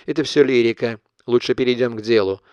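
A man's voice: medium pitch, steady tone, a little fast, a little mellow, clear, resonant tone, no room sound, lo-fi sound, lightly acted. A man reading an audiobook voices a cold, calculating middle-aged blackmailer who dictates his terms in a cool, clipped manner.

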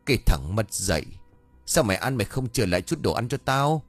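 A man doing a gruff, cursing old exorcist. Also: on the low side, animated, brisk, soft background music. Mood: gruff grumbling. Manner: gruff, scolding, mutters curses.

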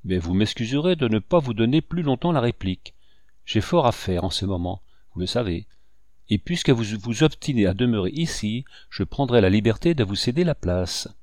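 A man's voice: fairly low pitch, animated, normal speed, darkish tone, no echo, clean studio sound, lightly acted. A man reading as a pompous rich planter. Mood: brusque. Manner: pompous, patronizing. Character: rich planter, condescending then nervous. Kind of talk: audiobook character reading.

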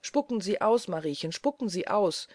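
A woman putting on a shrill bossy old woman. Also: normal speed, no room sound, clean studio sound, natural voice. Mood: urgent. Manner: urgent, shouting warnings. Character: Frau Bause, shrill bossy dream woman.

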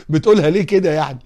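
Fast-talking Egyptian preacher man. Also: a little high. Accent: Egyptian Arabic. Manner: animated, rhetorical questions to the audience; humorous anecdotes. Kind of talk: religious talk on morals.

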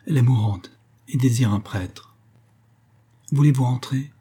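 An earnest little servant girl urges a visitor to come inside in a storybook reading, as a male narrator lifts his voice for her. The tone stays mellow with a slight husky grain. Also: mid-range voice, unhurried. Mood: urgent. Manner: urgent, imploring.

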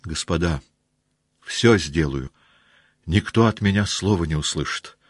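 An earnest young nobleman in an audiobook, stumbling and pleading with hurt pride. A man acts him out with a husky, dry close-up sound. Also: extremely low pitch, animated, slow pace, no room sound, exaggerated voice. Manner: pleading, flustered. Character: young proud count, earnest and upset.

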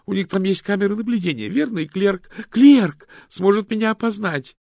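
A man voicing a frightened female fortune-teller suspect who stammers and pleads in a shrill voice. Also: animated, moderate pace, gravelly, a little mellow, dry recording, studio quality. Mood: anxious pleading.

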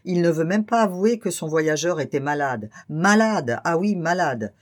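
Fretful hypochondriac gentleman in a storybook reading, pitched up and loud, put on by the narrator. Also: animated, normal speed, close to an everyday voice. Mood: suspicious. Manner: fretful, exclamatory, suspicious. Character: fussy anxious middle-aged bourgeois man.

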